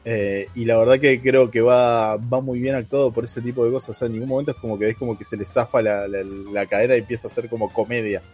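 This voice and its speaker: A man's voice: medium pitch, steady tone, quick pace, few pauses, a little mellow, breathy edge, faint music behind. Rambling Rioplatense man reviewing a film. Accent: Rioplatense Spanish. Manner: rambling, slangy, many fillers and restarts. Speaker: podcast co-host. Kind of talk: casual film review chat.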